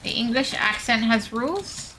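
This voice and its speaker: Aussie girl streaming games, chatty, mutters to herself, bright voice pitched a bit high. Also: expressive, moderate pace, a little hiss or hum. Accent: Australian. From Australia. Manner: chatty, muttering asides to herself between remarks to chat. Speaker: game streamer. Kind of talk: casual livestream chat while gaming.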